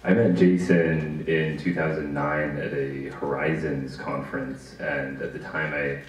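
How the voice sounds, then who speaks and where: A man with a very deep voice and a flat delivery tells a story on a panel, measured and matter-of-fact. He is heard from afar in a very echoey room. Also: a little hiss or hum. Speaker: guest speaker, journalist. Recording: echoey room, far from the mic.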